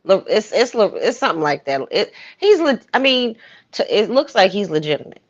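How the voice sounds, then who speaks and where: On a livestream call with muffled lo-fi sound, a woman co-host chats casually and gives forceful, opinionated gossip commentary. Her medium-pitched voice swings widely in pitch and moves a little fast.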